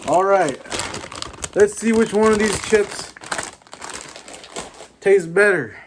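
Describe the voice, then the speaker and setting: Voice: medium pitch, slow pace, background noise. A snack reviewer chatting casually and informally to viewers, rambling a little while giving opinions. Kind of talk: casual chat food review to camera.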